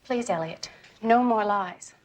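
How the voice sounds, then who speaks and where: A woman acts a loving wife in a television crime drama. Her voice sits fairly high, and she pleads with an anguished, devoted urgency. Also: steady tone, moderate pace, a little mellow, lightly acted. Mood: loving, pleading. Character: loving but anguished wife demanding the truth.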